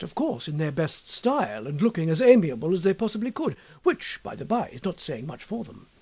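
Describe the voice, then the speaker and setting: A man reading a classic story aloud in a wry, measured narrating style. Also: on the high side, darkish tone, slightly rough. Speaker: audiobook reader.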